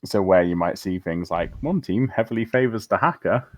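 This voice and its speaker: A man's voice: sits low, normal speed, a little mellow, muffled recording. A man co-casting an esports match, chatty and speculative. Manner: chatty, laughs easily, speculative. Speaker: esports co-caster. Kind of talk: casual esports commentary.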